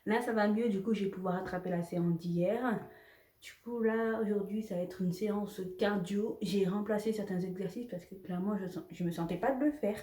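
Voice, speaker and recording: A young woman talks to her camera at home in a loose, chatty vlog style. She laughs easily and drops the odd swear word. Her voice sits at an ordinary pitch, and the room gives it a noticeable echo. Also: a little fast, warm tone. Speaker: vlogger. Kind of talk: casual vlog chat to camera. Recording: roomy echoey home recording.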